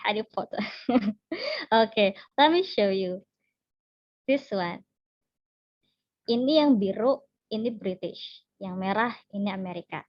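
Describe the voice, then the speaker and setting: A woman's voice: medium pitch, sing-song, slow pace, long pauses, no echo. A young Indonesian woman teaching an English class, friendly and mixing English with Indonesian. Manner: friendly, mixes English with Indonesian, laughs often. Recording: dull, dry lo-fi sound.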